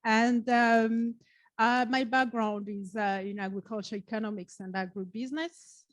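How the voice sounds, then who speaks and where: A woman's voice: fairly high pitch, fairly even intonation, normal speed, no room sound. A woman from Rwanda, a researcher, introducing herself on a conference panel with frequent uhs.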